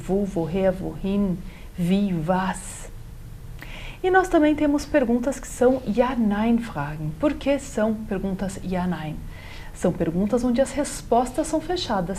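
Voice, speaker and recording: A woman with a Brazilian Portuguese accent giving an online German lesson, explaining step by step and saying example sentences slowly. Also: medium pitch, a little mellow, a little hiss or hum. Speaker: German teacher.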